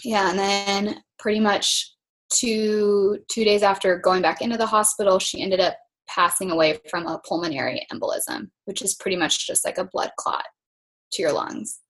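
A woman of thirty-one in a casual interview, explaining things step by step in a measured way, with some fillers. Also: medium pitch, fairly bright tone. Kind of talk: casual conversation.

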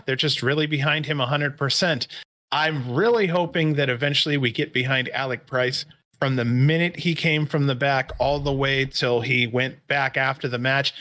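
A man's voice: medium pitch, bright, forceful tone. A man co-hosting a podcast, chatting casually and joking with his co-host. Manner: joking, laughs between remarks. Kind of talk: casual chat.

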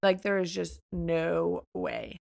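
A woman in her thirties co-hosting a podcast, chatting casually and telling animated, joking stories. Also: lowish voice, slow, vocal fry, no room sound, clean studio sound. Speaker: podcast co-host. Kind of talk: casual chat.

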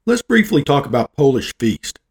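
Here a male presenter with a Southern accent reads out facts, breaking off for folksy jokes and now and then fumbling long words. His medium-pitched voice is sing-song and moves at normal speed.

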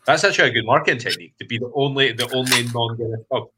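A man's voice: medium pitch, racing, noisy background. A Scottish man hosting a casual podcast chat, rambling a little and often hesitant. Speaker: podcast host.

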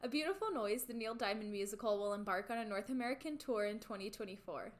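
A woman's voice: medium pitch, fast talker. A woman co-hosting an entertainment news podcast, switching between reading promotional copy and casual reactions. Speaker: podcast co-host.

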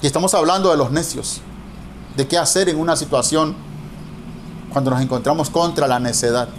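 A middle-aged male pastor preaching a sermon, emphatic and drawing out key words slowly. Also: on the high side, slight background noise.

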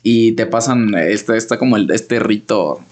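A man's voice: lowish voice, normal speed, darkish tone. A young man with a Mexican Spanish accent chatting casually on a podcast, telling a rambling story full of slang and fillers. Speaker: podcast co-host. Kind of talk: casual conversation.

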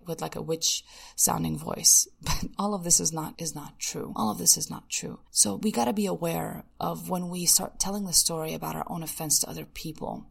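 A woman hosts a self-help talk with a heavily gravelly voice and a husky edge. She talks in a candid, coaching way and keeps turning to rhetorical questions. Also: on the low side. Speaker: podcast host.

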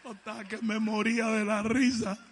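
A middle-aged man preaching as a pastor, telling comic stories with shouted punchlines before turning earnest. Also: high-pitched, little pitch movement, normal speed, slight background noise.

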